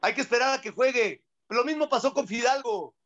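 Male pundit, very high voice, insistent and repetitive, dull lo-fi studio audio. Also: brisk, fairly bright tone. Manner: insistent, repeats phrases. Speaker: sports pundit. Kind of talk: heated studio debate.

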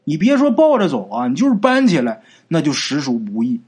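A man narrating a folk ghost story in a colloquial, animated way with drawn-out particles. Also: fairly high pitch, slightly rough.

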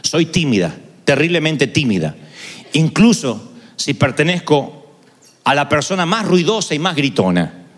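A male preacher voicing the human soul as a shy, soft-spoken woman who confides in the listener. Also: fairly high pitch, very animated, a little slow. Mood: confiding. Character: the soul, shy quiet female voice. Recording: long hall reverb.

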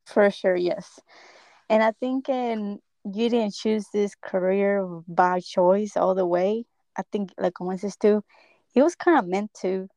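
A woman's voice: medium pitch, unhurried, dark tone, no echo. Affirming woman host, dry close sound. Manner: mixes Spanish and English, affirming, short prompts. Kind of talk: casual bilingual interview.

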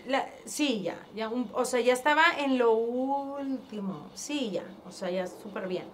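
A woman with a northern Mexican accent and a fairly high voice tells her story as an interview guest. She talks in an animated, chatty way, acting out past conversations and often restarting her sentences. A faint ambient hum sits behind her. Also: measured pace. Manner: animated, acts out past dialogue, frequent restarts.

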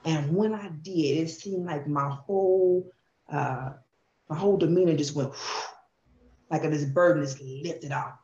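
A woman's voice: deep voice, unhurried, warm tone. A woman host sharing a heartfelt faith testimony in an earnest, emphatic storytelling way. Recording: echoey, dull room sound.

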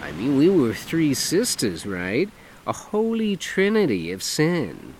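A man's voice: medium pitch, wildly swooping pitch, takes it slowly, a little mellow, slight background noise, voice pushed up. A man voicing a flamboyant, brash lawyer who talks in a camp, sassy, emphatic drawl. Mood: indignant.

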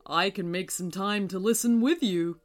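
A woman voicing the moon as an old, kindly man, who speaks gently and slowly. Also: mid-range voice, faint music behind, lightly acted. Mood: gentle. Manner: gentle, slow, warm-hearted.

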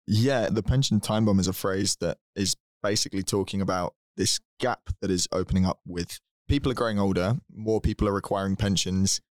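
A young man explains things as a podcast co-host. His voice sits fairly low and moves along rapidly, informal yet orderly, with a dry, close sound. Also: darkish tone, dry recording.

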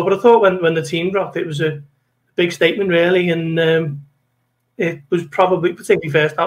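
High-voiced British man talking football. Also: rough recording. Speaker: football correspondent, podcast guest. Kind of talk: casual football analysis.

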